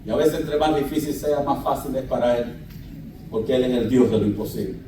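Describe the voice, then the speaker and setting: A pastor preaching a fervent sermon, calling on the congregation to shout amen, heard from a distance in a large church. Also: male voice, medium pitch, little pitch movement, brisk, heavy reverb, noisy background. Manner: fervent, calls out for amens.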